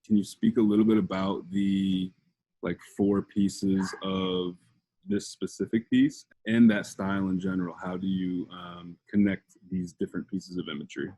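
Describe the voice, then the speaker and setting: A man's voice: deep voice, flat delivery, normal speed, dark tone, no echo. A man interviewing an artist, asking questions casually and searching for his words as he goes.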